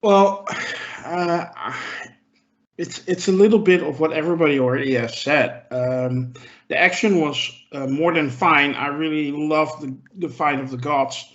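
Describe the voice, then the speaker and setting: A man's voice: a little high, measured pace. A man on a podcast panel giving his opinion in a casual, hesitant way, full of fillers. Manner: hesitant, many fillers, gets excited. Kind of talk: casual discussion. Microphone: handheld mic moved about. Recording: muffled lo-fi audio.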